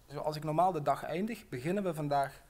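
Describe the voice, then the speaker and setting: A man's voice: a little high, fairly quick, a little mellow, slight background noise. A middle-aged man, a professor and family doctor, giving an inaugural lecture, friendly, with frequent fillers, and reading a fairy tale aloud. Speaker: professor and general practitioner.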